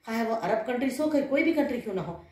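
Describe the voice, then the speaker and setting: A woman's voice: on the high side, lively intonation, fast talker, warm tone. A woman religious scholar giving an earnest sermon to women, often putting questions to her listeners. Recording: roomy echo.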